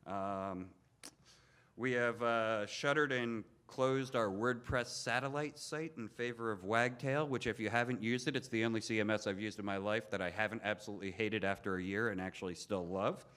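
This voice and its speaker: A man's voice: fairly low pitch, fairly even intonation, moderate pace, fairly bright tone, clean tone. A man giving an informal technical lightning talk as a conference speaker.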